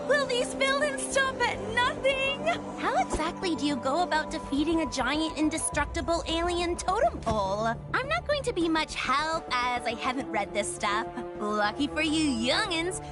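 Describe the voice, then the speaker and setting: A woman voicing an excitable young superheroine game narrator who talks like a cheeky, theatrical cowgirl. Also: high voice. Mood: mock-dramatic. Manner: theatrical, folksy mock-cowboy talk. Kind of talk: animated mission narration in video game.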